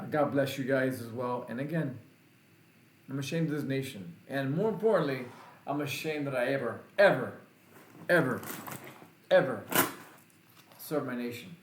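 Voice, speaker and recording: A man's voice: medium pitch, a little hiss or hum. A male veteran vlogger giving an angry, emphatic political rant and repeating his points. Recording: roomy echo.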